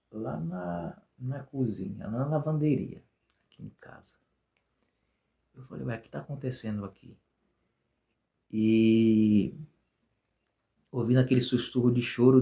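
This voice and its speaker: A man's voice: mid-range voice, gravelly, mellow. A man from Bahia with a Bahian accent, a guest telling a personal testimony in an earnest, emotional way and repeating phrases for emphasis. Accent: Bahian Portuguese. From Bahia, Brazil.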